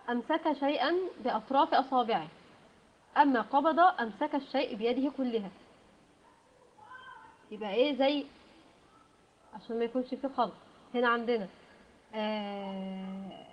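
An Egyptian woman giving a methodical Arabic lesson, explaining word pairs and often pausing on "aah". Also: on the high side. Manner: methodical, with frequent "aah" fillers. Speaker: Arabic language teacher. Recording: dull lo-fi sound.

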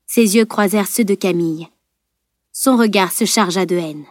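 A woman narrating a fantasy novel aloud in steady, measured storytelling. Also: mid-range voice, no echo, studio quality. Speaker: audiobook narrator. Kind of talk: scripted audiobook narration.

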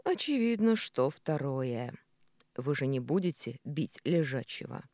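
A woman's voice: extremely low pitch, very animated, unhurried, mellow, no echo, clean studio sound, heavily acted. A female narrator voicing a lazy, teasing man who drawls in a mockingly thoughtful way. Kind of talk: audiobook character voice.

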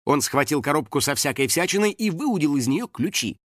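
A man narrating a children's audiobook in an expressive, storytelling manner, recorded close to the microphone. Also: a little high, brisk, dry recording.

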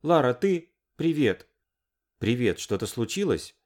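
A man reading the part of a young woman who is crying down the phone, high and plaintive in his delivery. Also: sing-song, normal speed. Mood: tearful, upset.

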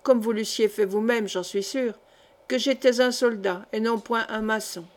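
Earnest young officer, proud and sincere, read by a woman in an audiobook, a bit high. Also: fairly even intonation, moderate pace, lightly acted.

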